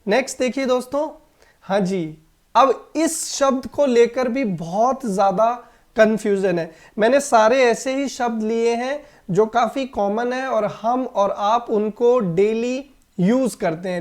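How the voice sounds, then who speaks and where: A male teacher talks through a video lesson at an unhurried pace. His voice is mellow and soft-edged. He keeps asking the viewers questions, answers them himself and slowly repeats words to drill them. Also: very high-pitched. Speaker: English teacher. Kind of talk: classroom-style video lesson.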